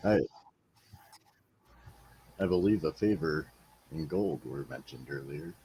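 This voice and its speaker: A man as Curzon, very deep gravelly dragonborn. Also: animated, slow, dark tone, slight background noise, heavily acted, rough recording. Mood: polite. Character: polite male dragonborn cleric.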